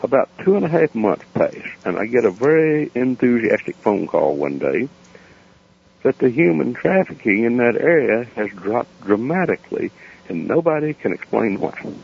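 Gravelly man with an Appalachian accent. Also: medium pitch, big pitch swings. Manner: folksy, plain-spoken, unhurried. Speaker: interview guest, founder of a foundation. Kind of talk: unscripted storytelling in a radio interview. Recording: dull lo-fi radio interview sound.

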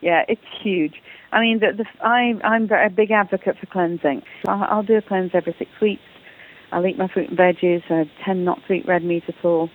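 Over a tinny phone line, an Englishwoman who is a guest author chats eagerly in a casual interview, often repeating words as she begins sentences. Her voice is on the low side and a little fast.

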